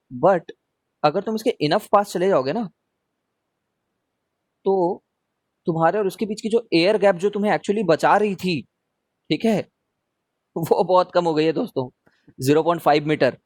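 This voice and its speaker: A male teacher runs a relaxed live revision class, his voice sitting a little higher than most men's. He talks in a loose, chatty way, keeps checking that his students follow, and takes up their questions one by one. The sound is dry and close, with no room echo. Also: normal speed, long pauses. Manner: answers questions read out from students.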